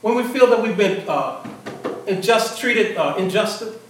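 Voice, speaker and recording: A man's voice: sits high, animated, normal speed, a little hiss or hum. A middle-aged man preaching a sermon to a congregation in a conversational way, often repeating and restarting phrases. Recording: echoey hall, far mic, congregation.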